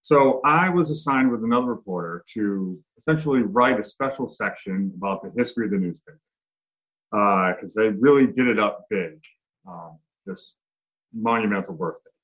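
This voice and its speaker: A man's voice: lowish voice, normal speed, rough recording. Easygoing man answering interview questions. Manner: relaxed, with frequent "uh" and "um" fillers. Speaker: author and newspaper reporter.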